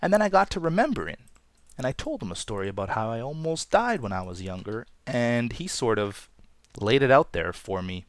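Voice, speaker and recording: A man's voice: lowish voice, no room sound. A man from Toronto hosting a Let's Play, telling a story in a chatty, rambling, self-deprecating way over gameplay. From Toronto, Canada.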